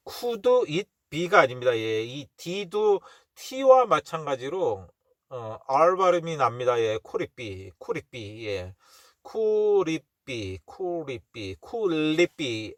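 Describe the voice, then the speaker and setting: Korean guy teaching english sounds, says stuff real slow over and over then rattles off explanations, bouncy pitch, dry mic. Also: sing-song, no echo. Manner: repeats English phrases slowly, then explains quickly with soft laughs. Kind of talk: casual pronunciation lesson.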